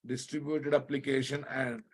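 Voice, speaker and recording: A man's voice: medium pitch, little pitch movement, normal speed, breathy edge. A man with an Indian accent lecturing a live online programming class, often repeating his phrases and checking that listeners follow. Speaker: programming instructor.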